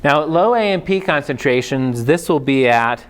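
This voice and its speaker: A man's voice: on the high side, lively intonation, moderate pace, clean tone. Male professor, casual lecture delivery, frequent "okay?" check-ins, playful asides. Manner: digresses into joking asides. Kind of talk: university biochemistry lecture.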